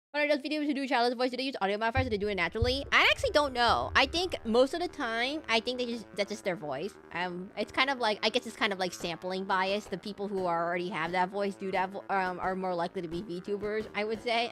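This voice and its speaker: Over music, a woman streamer playing a video game chats casually and pokes fun at herself as she rambles on. Her slightly nasal voice is medium-pitched, quick, and a bit bright.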